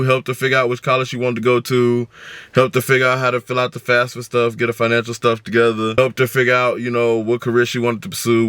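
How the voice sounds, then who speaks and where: A young American man tells a story as an animated rant in a mid-pitched voice. His delivery is casual and slangy, acting out both sides of the exchanges, and the sound is dry with no room echo. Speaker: storytime vlogger.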